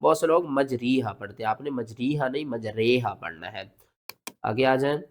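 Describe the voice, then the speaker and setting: A man teaching Quran recitation step by step. He asks himself questions as he explains, then recites slowly in a drawn-out chant. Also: medium pitch, lively intonation. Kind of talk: step-by-step tajweed lesson.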